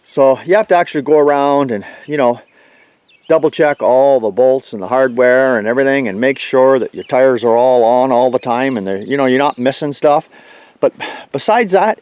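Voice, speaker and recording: A man's voice: medium pitch, a little mellow, dry recording. A man giving a blunt, folksy, plainspoken walkaround review of his tractor outdoors. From Canada.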